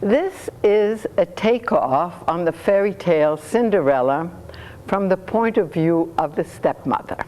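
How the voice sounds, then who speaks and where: A woman storyteller reading her own stories in rhyming verse, lively and playful. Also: fairly low pitch, measured pace, a little hiss or hum, low-quality recording.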